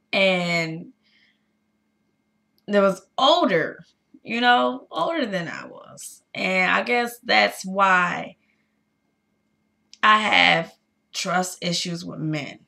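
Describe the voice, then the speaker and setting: A woman in her thirties talks to her viewers in a personal, confessional vlog. She speaks slowly in a low, bright, pointed voice, pausing often and filling gaps with little hesitations. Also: lively intonation, vocal fry. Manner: halting, with many pauses and fillers; candid, addressing viewers directly. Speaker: vlogger.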